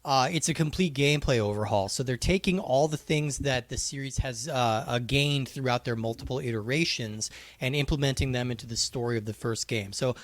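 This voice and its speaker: A man's voice: medium pitch, brisk, hardly any pauses, no room sound. A man co-hosting a podcast in casual chat, analytical with joking asides. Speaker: podcast co-host.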